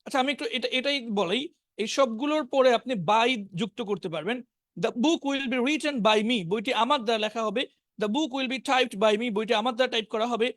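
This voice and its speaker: A man with a Bengali accent teaches an online spoken English class, slowly reading out English words and example sentences and giving each meaning. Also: very high voice, a bit bright, no room sound, clean studio sound. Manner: reads word lists slowly, pairing each English word with its meaning.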